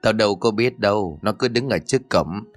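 A sharp-tongued middle-aged mother rattles off quick, nagging scolds, voiced by a man. The voice stays fairly low and plain. Soft music sits faintly behind this horror audio story. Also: natural voice. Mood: scolding.

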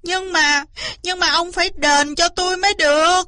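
A woman's voice: lively intonation, unhurried, sharp tone, no room sound, exaggerated voice. A woman voicing a sly, boastful male fox who whines and wails, in a storybook reading. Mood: wailing. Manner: wheedling, wailing, shrill.

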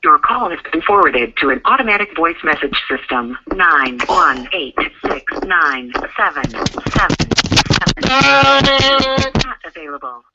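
A recorded voicemail system announcement heard through a dull, muffled phone line. The voice reads its prompts in a measured way and swings widely in pitch from phrase to phrase. Loud hiss and noise sit under it. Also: expressive. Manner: measured, evenly spaced digits. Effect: automated voicemail system prompt over the phone.

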